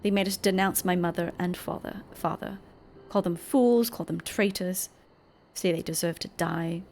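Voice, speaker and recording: A woman's voice: on the low side, steady tone, moderate pace, a little mellow, slight background noise, lightly acted. A woman voicing a protective teenage boy from a video game, bitter and weary, with a grave, pleading delivery. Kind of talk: reading video game dialogue.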